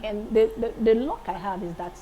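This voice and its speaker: A woman in her late thirties, a singer and accountant, chatting as an interview guest in a lively, enthusiastic way. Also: mid-range voice, a little fast, phone-quality sound, slight background noise. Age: 30s. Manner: lively, laughs often, enthusiastic. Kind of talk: casual interview chat.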